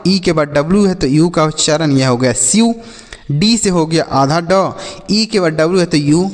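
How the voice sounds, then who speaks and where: A patient male teacher with a slightly raised voice gives a phonics lesson to children. He repeats each point and asks questions that he answers himself. The recording has a long, ringing reverb. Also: fairly high pitch. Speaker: English teacher.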